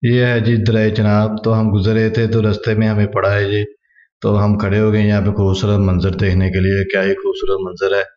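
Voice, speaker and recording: A man's voice: on the low side, monotone, a little fast, darkish tone, lo-fi sound. Chatty young man narrating from a motorbike. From Pakistan. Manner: chatty, talks to viewers while riding. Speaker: travel vlogger. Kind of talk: casual travel vlog narration. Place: outdoors on a motorbike on a highway.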